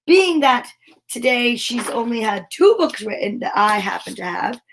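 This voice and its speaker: A woman with a fairly high voice runs a children's story time, upbeat and encouraging as she alternates between reading aloud and chatting with viewers. She's gushing and animated at a moderate pace. There's slight background noise.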